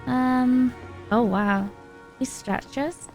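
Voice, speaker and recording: A woman's voice: sits high, steady tone, extremely slow, darkish tone, soft background music, low-quality recording. A woman vtuber giving casual, playful gaming commentary and chatting to herself. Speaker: vtuber streamer.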